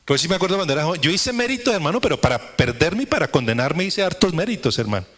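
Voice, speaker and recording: Male pastor, sermon, fairly high voice, emphatic repetitive cadence, rhetorical questions to congregation. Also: big pitch swings, quick pace, fairly bright tone. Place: church service with congregation.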